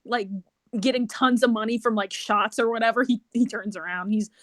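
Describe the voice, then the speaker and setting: A woman narrating as game master in a relaxed, hesitant way. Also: a little high, moderate pace, no echo. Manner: relaxed, hesitant, often laughing.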